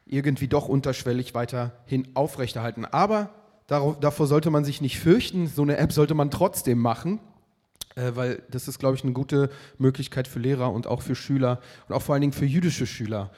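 A man's voice: mid-range voice, brisk, a little mellow. A man on a discussion panel, speaking thoughtfully and hedging his points, with frequent fillers. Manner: thoughtful, qualifying, many fillers. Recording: reverberant hall.

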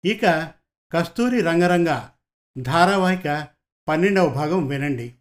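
Male narrator for an audio serial; measured, clear storytelling, voice a touch high. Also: animated.

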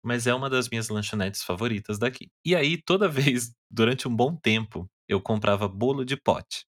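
Brazilian male co-host, low voice, animated laughing storyteller. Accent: Brazilian Portuguese. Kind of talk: casual chat.

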